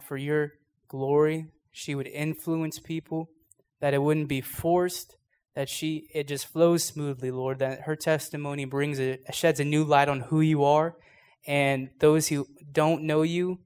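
A man's voice: on the high side, a little mellow, smooth. A man leading a spontaneous spoken prayer for a fellow church member.

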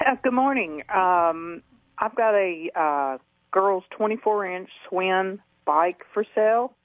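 Woman calling in over the phone, slow. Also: medium pitch, lively intonation, no room sound. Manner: hesitant, reads out her number twice. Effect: heard over the phone. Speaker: caller. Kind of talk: call-in classified listing. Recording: tinny phone line.

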